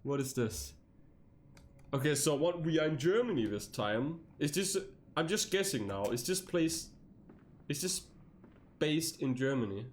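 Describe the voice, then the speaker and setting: A man's voice: expressive, unhurried. A man streaming a horror game, talking in a rambling, casual way and laughing often. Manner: rambling, laughs often, jumps to high yelps. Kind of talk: casual gameplay commentary.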